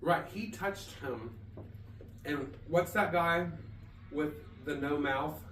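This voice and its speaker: A man's voice: on the high side, slow pace, fairly bright tone. A man co-hosting a podcast, chatting playfully and rambling, recorded in a garage. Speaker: podcast co-host. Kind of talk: casual comedy chat. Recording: echoey garage, far from mic, faint noise.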